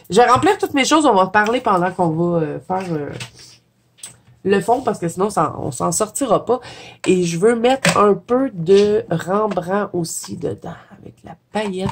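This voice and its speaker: Her voice sits on the low side as she, a watercolor coloring vlogger, makes casual conversation while painting. She has a Quebec French accent and a head cold that leaves her congested, and she's chatty, quick to laugh, and self-deprecating.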